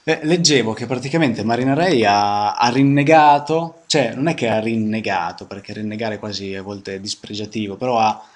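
A man's voice: fairly low pitch, normal speed, few pauses. A man hosting a radio show, chatting casually and explaining the music he just played. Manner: relaxed, chatty, explains the song. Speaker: radio host.

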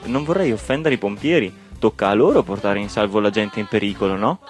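A man's voice: on the low side, a little fast, faint music behind, close to an everyday voice. A man voicing a flustered mother in a storybook reading, overly polite and fussing. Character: fussy, flustered mother, a woman.

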